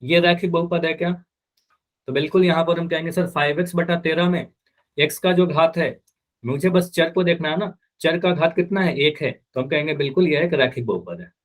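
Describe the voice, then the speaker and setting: A man teaching a live math class, his voice sitting a little high for a man. He keeps repeating each question and then speaks the students' expected answers himself. The manner is patient and drilling. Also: brisk.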